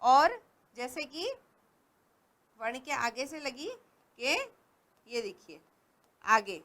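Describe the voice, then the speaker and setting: A woman teaching a reading lesson to young children, patient and stressing each word clearly. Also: high voice, pushed and bright.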